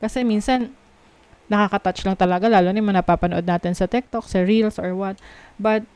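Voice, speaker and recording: A woman from the Philippines giving a tarot reading, slow and reassuring, mixing Tagalog and English and checking in with her listeners. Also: medium pitch, darkish tone, smooth. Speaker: tarot reader.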